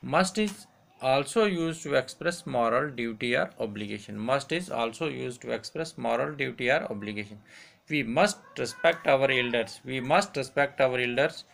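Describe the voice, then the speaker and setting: A male teacher with a gravelly, creaky voice, pitched mid-range. He reads grammar rules and example sentences aloud, saying each one twice at a deliberate dictation pace. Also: expressive, fairly bright tone. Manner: repeats each example sentence slowly, switches to Hindi to explain. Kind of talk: grammar lesson, read aloud and repeated.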